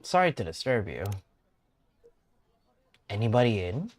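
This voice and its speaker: Casting: a man doing an easygoing young traveler, relaxed unhurried talk. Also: fairly low pitch. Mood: casual. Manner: casual, friendly small talk. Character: young adult traveler visiting a café.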